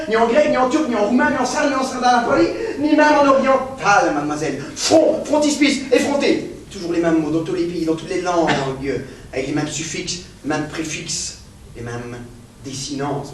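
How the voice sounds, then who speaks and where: A man's voice: very high voice, lively intonation, quick pace, few pauses, slight background noise. A male stage actor playing a pedantic, grandiose professor who lectures in a declamatory way and keeps addressing his pupil as "mademoiselle". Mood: pompous lecturing. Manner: declamatory, insistently repeats "mademoiselle". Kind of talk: stage play performance. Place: theater stage. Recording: echoey stage captured from far off.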